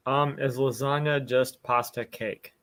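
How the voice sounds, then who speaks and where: A man chats in a casual team meeting, playful and teasing with his colleagues. His voice is bright and forward, at a middle pitch. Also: fairly even intonation, unhurried. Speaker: team member.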